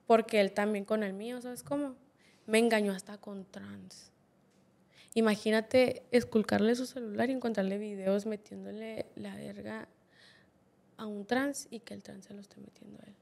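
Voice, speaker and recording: A woman's voice: medium pitch, fairly even intonation, normal speed, vocal fry, darkish tone. A woman in her twenties with a Mexican accent, a podcast guest telling her own life story bluntly, full of slang and constant swearing. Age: 20s. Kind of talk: candid personal storytelling.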